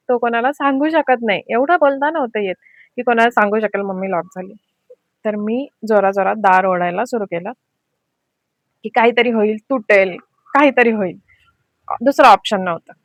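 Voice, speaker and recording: A young woman tells a scary personal story in a casual vlog manner, her voice sitting somewhat high. She talks with an anxious edge, leaning on fillers and pauses. The sound is dry and close, with no room echo. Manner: anxious, vivid retelling with many fillers. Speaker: vlogger.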